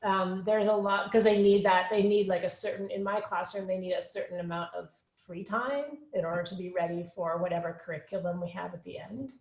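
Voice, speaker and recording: A woman's voice: on the low side, steady tone, fairly quick, hardly any pauses, a little mellow. A woman teacher asking a question in an online session, hesitating and searching for words. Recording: echoey room.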